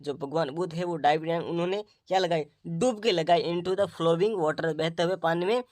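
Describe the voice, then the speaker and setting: A man with an Indian accent teaching English through a story, reading English words slowly and then explaining them quickly. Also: fairly high pitch, a little mellow, no room sound. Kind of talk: Hindi-English story lesson.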